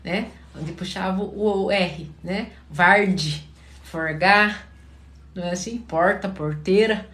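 A woman from Paraná with a Curitiba accent, a therapist calmly answering viewers' questions in a live chat, sounding tired. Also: on the low side, slow pace, reverberant. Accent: Curitiba Portuguese. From Paraná, Brazil. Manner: calm, advising, often checks in with listeners.

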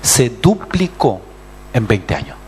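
A man's voice: mid-range voice, takes it slowly, slight background noise. A man with a Chilean accent preaching a sermon as pastor, acting out other voices and calling for amens. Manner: animated, acts out voices and calls for amens.

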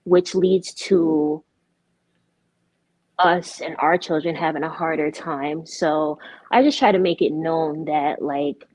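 A woman's voice: deep voice, takes it slowly, darkish tone. A young woman speaking as a guest in a casual interview, candid and outspoken. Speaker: guest, artist. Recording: dull lo-fi recording.

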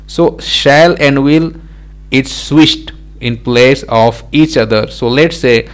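A man's voice: mid-range voice, slow. A man with a mid-range voice teaches a grammar lesson. He explains each point step by step, stacks up example sentences and often checks in with the listener. His delivery is repetitive and full of small fillers.

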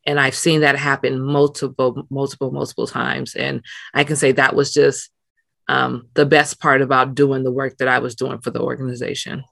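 Gravelly bright-voiced woman, earnest guest. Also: rumbling low, flat delivery, normal speed, no room sound. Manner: earnest, repeats words while searching for them. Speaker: interview guest, nonprofit worker. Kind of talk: casual interview conversation.

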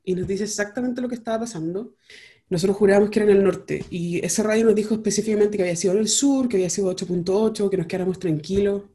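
Chilean woman vlogger, casual slangy storyteller, mellow warm tone. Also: mid-range voice, steady tone, rapid-fire. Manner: chatty, rambling, heavy slang and fillers.

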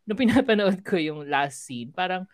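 A man, co-hosting a casual chat and retelling scenes from a series with animated storytelling. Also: sits high, normal speed. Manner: animated storytelling, mixes Tagalog and English. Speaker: podcast co-host.

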